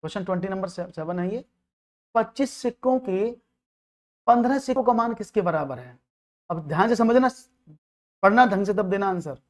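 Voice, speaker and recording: A man's voice: high-pitched, animated, moderate pace, pauses often. A man giving an online maths lecture for exam prep. He works through problems step by step, drops English phrases into his speech, and keeps checking that his students are following. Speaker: maths teacher.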